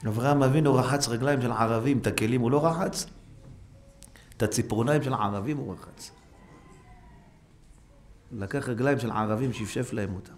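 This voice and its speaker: A rabbi giving an animated Torah lesson, exhorting his listeners with repeated rhetorical questions and acting out quoted voices. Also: long pauses. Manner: animated, acts out quoted voices with sharp pitch jumps. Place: synagogue hall. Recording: faint background noise, live stream.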